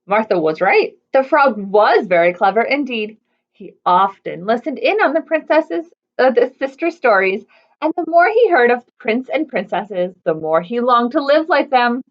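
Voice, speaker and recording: A woman hosts a children's library storytime, reading aloud expressively and chattily asking the young listeners questions. Her voice is a little high with big pitch swings at a moderate pace, and the highs are cut off.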